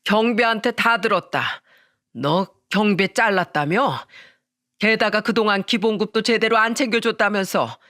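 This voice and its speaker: A narrator voicing an angry older father-in-law who scolds his son, sternly and loudly. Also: mid-range voice, moderate pace, no room sound, clean studio sound. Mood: stern scolding.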